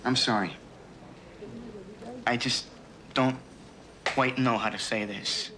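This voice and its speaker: An actor playing a hesitant benefits clerk who halts and apologizes while breaking bad news, heard from a worn tape copy of a film. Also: male voice, mid-range voice, fairly even intonation, bright, forceful tone. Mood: apologetic. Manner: halting, apologetic. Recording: hissy worn videotape film clip.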